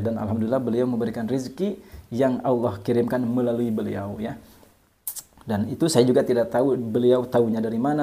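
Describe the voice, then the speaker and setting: A man from Indonesia, an Islamic religious teacher, explaining in a quick, conversational way with small restarts. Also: medium pitch, mellow.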